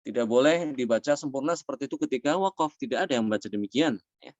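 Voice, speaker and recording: A man teaching the rules of Quran recitation, explaining patiently and slowing down to demonstrate words. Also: mid-range voice, lively intonation, a little mellow, dry recording. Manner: explains patiently, often adding "ya". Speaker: tajwid teacher.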